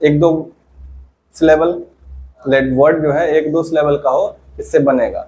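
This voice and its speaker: Higher-voiced male teacher quizzing a class. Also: steady tone, unhurried, a little mellow, poor audio. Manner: quizzing students, prompting them to answer together. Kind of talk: classroom grammar lesson. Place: classroom with students.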